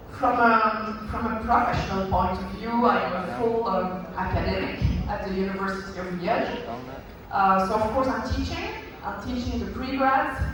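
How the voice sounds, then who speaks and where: Belgian French man, high voice, halting conference lecture, distant mic in a noisy echoing hall. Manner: hesitant, many fillers and restarts. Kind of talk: conference talk. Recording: echoey hall from far off, noisy.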